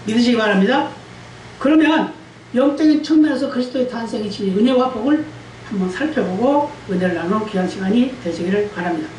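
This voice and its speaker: A woman's voice: a little high, expressive, fast, darkish tone. A woman pastor preaching a Sunday sermon who quizzes the congregation and calls for amens. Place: church sanctuary. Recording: echoey church hall, distant mic, faint hiss.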